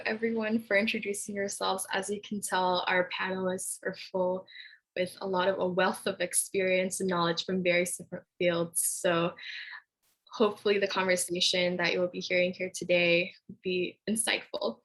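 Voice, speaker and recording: A woman's voice: fairly low pitch, little pitch movement, normal speed, fairly bright tone, rough recording. A woman moderating an online panel webinar over a video call, friendly and laughing between phrases.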